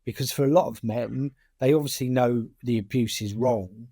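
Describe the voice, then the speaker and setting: A man's voice: mid-range voice, moderate pace, dark tone, dry recording, clean studio sound. A man with a British working-class accent answering in a conversational interview, often repeating words and restarting sentences as a campaigner. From United Kingdom. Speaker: charity chair and campaigner.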